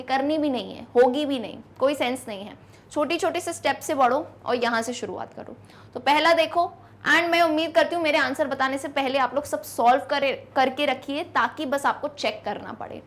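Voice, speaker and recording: A woman explains an English lesson in a high, clear voice. She spells words out letter by letter and reads example sentences at a slow, careful pace. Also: a bit bright. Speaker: English teacher.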